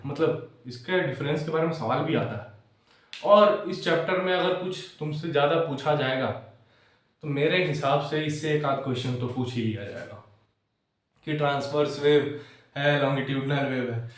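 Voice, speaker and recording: A man tutoring physics in a chatty, casual way, checking that students follow and wandering into jokes. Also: fairly high pitch. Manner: digresses with jokes. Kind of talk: casual classroom lecture. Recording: echoey room, far from the mic.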